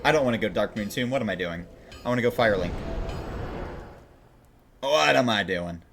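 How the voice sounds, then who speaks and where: A man's voice: fairly low pitch, lively intonation, moderate pace, vocal fry, background noise. A man chatting casually on his game stream, joking and laughing often. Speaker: livestreaming speedrunner.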